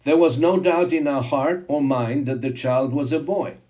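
An older Zimbabwean man, Greek by first language, preaches a sermon and shares his personal testimony slowly and emphatically. His voice is on the high side with a steady, mellow tone, and the recording's highs are cut off.

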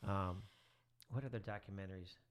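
A man's voice: low voice, fairly quick. A middle-aged man, a teacher, chatting casually as a podcast guest with lots of fillers. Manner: relaxed, rambling with many fillers. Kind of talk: casual chat.

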